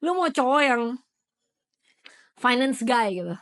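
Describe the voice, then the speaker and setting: A young woman, hosting a casual chat podcast and talking in lively slang mixed with English words. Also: high voice, takes it slowly. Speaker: podcast host.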